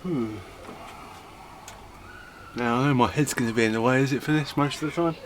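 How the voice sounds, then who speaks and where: A man's voice: mid-range voice, normal speed, noisy background. A man chatting casually and mocking himself as he strips old computer parts for scrap in his garage. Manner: chatty, self-mocking, muttering while working. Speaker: scrapping vlogger. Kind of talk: casual chat while working.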